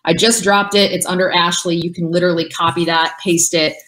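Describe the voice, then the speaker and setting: A woman co-hosting a business webinar in a casual, excited, upbeat way. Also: fairly low pitch, fairly quick, a little hiss or hum. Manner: excited, upbeat, says she is yelling. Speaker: webinar co-host.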